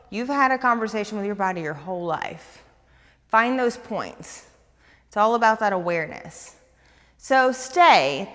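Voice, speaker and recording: Female fitness instructor, brisk and eager cueing, bright higher pitch, echoing room. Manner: eager, talks fast, coaching cues. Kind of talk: guided stretching class.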